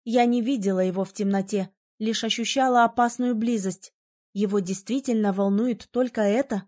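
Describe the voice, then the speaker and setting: Woman, audiobook narrator, first-person novel, expressive, mellow tone, mid pitch. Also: moderate pace.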